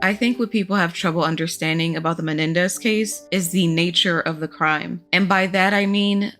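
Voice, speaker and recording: A woman hosting and giving scripted narration, measured and emphatic as she explains. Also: lowish voice, a bit bright, soft background music. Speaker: host.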